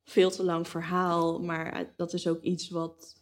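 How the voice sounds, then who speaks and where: A woman in her thirties with a somewhat low voice, talking in a relaxed, reflective way. She hesitates often and fills her pauses. It sounds like an unhurried personal conversation. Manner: reflective, hesitant with many fillers. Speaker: guest. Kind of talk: casual conversation.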